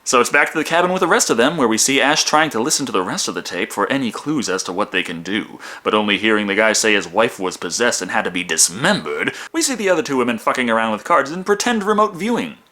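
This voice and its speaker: A man with a bright, forceful voice and very lively intonation delivers comedic review narration. He is sarcastic and swears freely, often feigning hesitation. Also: mid-range voice, fast, hardly any pauses. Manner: sarcastic, profane, mock-hesitant. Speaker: film reviewer.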